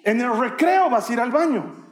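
A man's voice: very high voice, animated, moderate pace, pitched above the performer's own voice. A man voicing a strict female schoolteacher who gives firm, dismissive orders, in an echoey room. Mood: stern.

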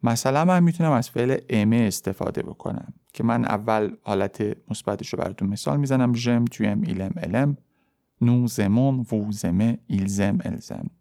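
A man teaching French on a podcast, explaining in Persian and saying the French forms slowly and clearly. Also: mid-range voice, expressive, warm tone, dry recording, studio quality. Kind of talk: podcast language lesson.

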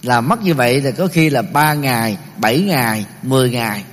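A middle-aged man giving a Buddhist teaching talk, explaining terms step by step, pausing often and using many fillers. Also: medium pitch. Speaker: Buddhist lecturer. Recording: long reverb of a large hall.

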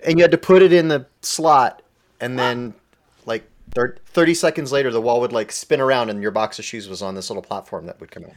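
A man's voice: medium pitch, fairly quick. A man co-hosting a podcast, rambling as he explains something to his friends. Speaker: podcast co-host. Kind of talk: casual podcast chat.

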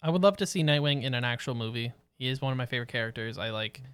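Excitable podcast guy in a dry room. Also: mid-range voice, clear, resonant tone, no room sound. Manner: excited, rapid, talks over his co-host. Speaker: podcast co-host. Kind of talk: casual chat.

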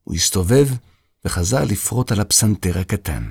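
A man narrating a scripted children's story with expressive, animated delivery. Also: lowish voice, gravelly.

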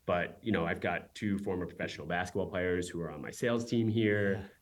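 A man in his forties, a company founder, talking casually as a guest and telling quick stories with many asides. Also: low voice. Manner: quick, chatty storyteller with many "right?" asides. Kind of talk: casual interview talk.

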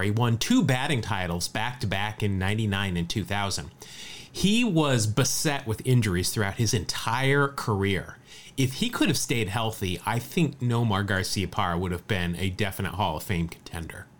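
A man's voice: fairly low pitch, normal speed. A man co-hosting a casual sports podcast, reeling off statistics with a light, chatty manner. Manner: lively, rattles off stats. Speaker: podcast co-host.

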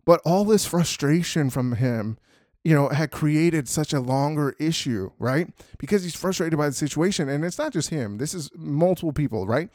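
A man's voice: fairly high pitch, animated, normal speed, a little mellow, dry recording. Rambling man with a dry close mic. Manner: rambling, full of "you know" and "right?". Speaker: podcast host. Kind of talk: casual solo monologue.

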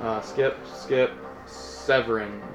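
Male game master, mid-pitched, improvised narration and rulings, roomy echo, prominent music bed. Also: steady tone, slow pace. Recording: echoey room, loud music behind.

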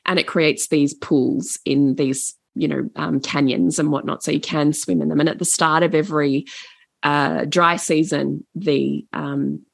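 A middle-aged woman spins a rambling holiday story in easy, casual talk, now and then acting out the other people in it. Her voice sits a little low, and it is recorded close and dry, with no room sound. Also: a little slow, vocal fry, dry recording. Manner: animated, acts out voices in stories, swears casually. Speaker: podcast guest.

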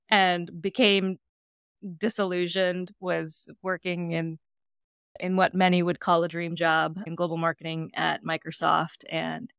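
A woman's voice: fairly low pitch, level tone, measured pace, creaky, fairly bright tone, clean tone, no room sound, clean studio sound. A woman hosting a podcast, speaking in an encouraging way with light laughs. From United States. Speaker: podcast host. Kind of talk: podcast interview.

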